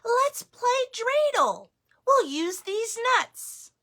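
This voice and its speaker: A woman's voice: extremely high pitch, very animated, very slow, a bit bright, voice pushed up, heavily acted. A woman putting on a fond, teasing old grandmother. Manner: chiding yet affectionate. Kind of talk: storybook read-aloud.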